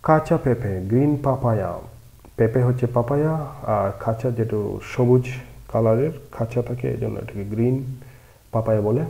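A man leads a vocabulary lesson at a slow, patient pace, spelling every word out one letter at a time. His voice sits at an everyday pitch and sounds warm and mellow. The delivery is plain and steady, like a teacher drilling words. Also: low-quality recording. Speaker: language teacher.

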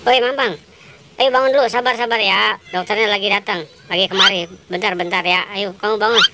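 A woman voicing an excitable boy clown who talks fussily and exclaims a lot. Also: medium pitch, fairly quick, heavy background noise, natural voice. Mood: coaxing. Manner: fussy, loud, exclaiming.

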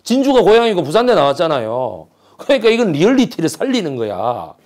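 활기찬 남성 역사 강사, 음높이 높고 억양 변화가 큼, 청중에게 자주 묻는 농담 섞인 강의. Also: male voice, fairly high pitch, a little fast. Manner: animated, jokey, asks the audience questions; slips into dialect when quoting figures. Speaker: history lecturer. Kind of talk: storytelling lecture with acted-out quotes.

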